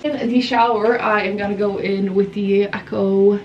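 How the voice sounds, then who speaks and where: A woman's voice: medium pitch, steady tone, normal speed, recorded from a distance, lo-fi sound, slight background noise. A woman vlogging in a casual, rambling way, with lots of fillers and a slight lisp. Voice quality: slight lisp from a mouth guard. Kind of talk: casual vlog chat.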